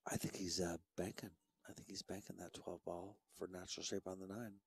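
A man giving soft-spoken, agreeable commentary on a pool match, often dropping close to a whisper. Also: low-pitched, level tone, fairly quick, gravelly, breathy edge, no echo. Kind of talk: relaxed live play-by-play commentary.

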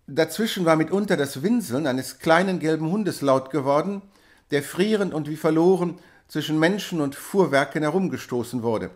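A man reading a classic novella aloud in a measured, dramatic storytelling manner. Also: fairly high pitch. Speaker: audiobook reader. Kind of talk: literary reading.

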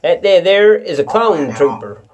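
A woman's voice: fairly low pitch, very animated, measured pace, darkish tone. A woman hosts a playful mock interview with a toy. Her voice swoops up and down, and she breaks into sudden exclamations. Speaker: vlogger playing with a toy.

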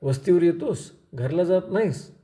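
Brief: a man playing an older villager, calm and teasing, rustic and unhurried, mellow tone. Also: fairly high pitch, voice pushed up, close to an everyday voice. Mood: wry.

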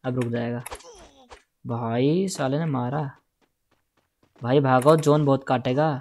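A man doing excited live commentary over a shooter game, firing off repeated words in rapid bursts. Between the action he hums la-la to himself and keeps asking his viewers to follow and share. His voice sits at an ordinary pitch for a man. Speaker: gaming livestreamer.

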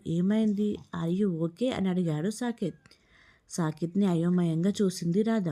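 A woman's voice: fairly low pitch, mellow. A woman narrating a family story, reading every role in her own voice.

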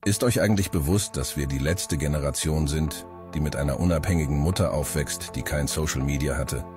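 A man's voice: extremely low pitch, fairly quick, over loud music. A man giving a solemn narrated voice-over for a short social media clip.

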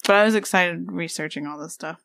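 A woman in her thirties co-hosting a casual podcast, rambling and excitable, with lots of fillers. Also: on the low side, fairly quick, gravelly, no echo. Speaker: podcast co-host.

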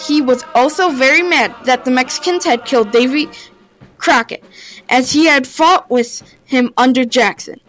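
High-voiced woman narrating history. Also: normal speed, a bit bright, soft background music, poor audio. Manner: informal and a bit stumbling, with sudden upward jumps on transitions. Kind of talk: read-aloud history narration.

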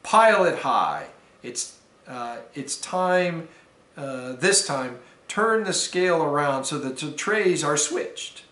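A man's voice: a little high, animated, takes it slowly, sharp tone, full character voice. A man reading as a proud, blustering baker. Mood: commanding. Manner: blustering, indignant exclamations. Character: proud, flustered man who runs a bakery. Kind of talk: storybook reading aloud. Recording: roomy echo.

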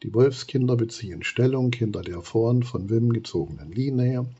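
Male storyteller, husky, dark mellow tone, children's story reading. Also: medium pitch, expressive, normal speed, muffled recording. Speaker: audiobook narrator.

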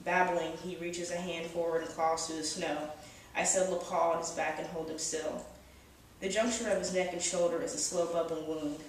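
A young adult woman, an author, steadily reading her first-person dark fantasy aloud at a small cafe. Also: on the low side, a little hiss or hum. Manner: steady, measured reading from the page. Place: small cafe with brick walls, indoors. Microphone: far camera, no close mic. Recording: very echoey cafe, mic far off.

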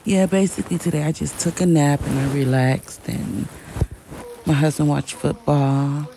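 Mellow, gravelly woman vlogger. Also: low-pitched, steady tone, moderate pace. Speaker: family vlogger. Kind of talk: casual vlog voice-over.

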